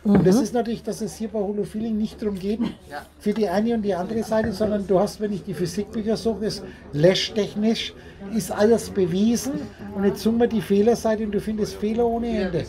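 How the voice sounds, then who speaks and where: A man's voice: high voice, fairly even intonation, brisk, crowd noise. A man giving a rambling, repetitive spiritual talk to a small group at a meeting, often laughing as he speaks.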